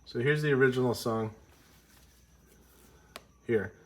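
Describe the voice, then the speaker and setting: A man's voice: medium pitch, slow pace. A man teaching a casual music lesson with a congested, stuffy voice, rambling and correcting himself as he goes. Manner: rambling, self-correcting, with frequent ums. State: congested from a cold.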